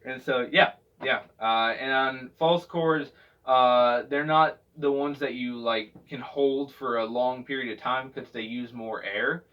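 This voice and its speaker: A man's voice: mid-range voice, steady tone, unhurried, a little hiss or hum. Guy doing a casual voice tutorial, kinda rambly and hesitant, muffled and a bit far from the mic. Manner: hesitant, rambling, repeats phrases. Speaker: vocal technique instructor. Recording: dull, distant microphone sound.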